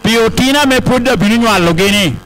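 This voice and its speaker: A man's voice: extremely high pitch, fairly quick, fairly bright tone, poor audio. A man acting as interpreter, relaying a podium speech aloud phrase by phrase. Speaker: consecutive interpreter at a ceremony.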